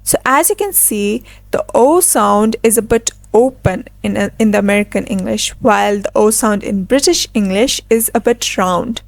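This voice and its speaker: A woman teaching English pronunciation in a scripted lesson, slowing down to model each word deliberately. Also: mid-range voice, vocal fry, no room sound.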